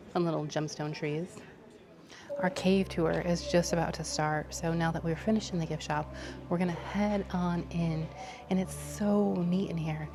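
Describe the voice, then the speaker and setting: Low-voiced female travel vlogger. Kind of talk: casual running commentary to viewers.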